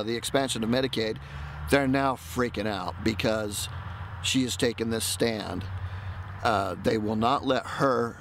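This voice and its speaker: A middle-aged American man with a gravelly, creaky voice at an ordinary pitch. He talks off the cuff in a hesitant, rambling way, stopping to find his thread. He is recorded outdoors, with light ambient traffic noise behind him. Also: fairly bright tone. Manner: rambling, hesitant, self-interrupting. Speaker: amateur writer pitching a movie idea. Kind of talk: casual unscripted monologue to camera. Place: outdoors in an open grassy park.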